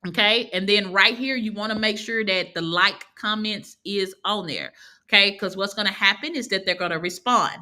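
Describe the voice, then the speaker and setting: A woman's voice: mid-range voice, normal speed, sharp tone. A woman teaching an online class in a casual, chatty way, laughing easily and correcting herself as she goes. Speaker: online course instructor. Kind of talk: casual live teaching over screen share.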